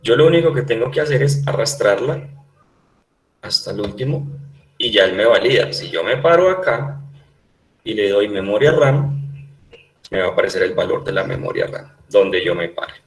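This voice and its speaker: A man's voice: on the low side, animated, moderate pace, roomy sound, low-quality recording. A man with a Colombian Spanish accent teaching a class online, patiently repeating points and checking that his students understand.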